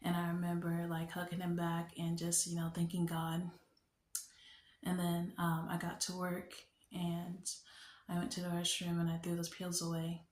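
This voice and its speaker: Young woman vlogger, low and level, earnest faith testimony, echo of a bare room. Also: completely flat delivery, a little hiss or hum. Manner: earnest, unhurried, reflective storytelling. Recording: echoey room.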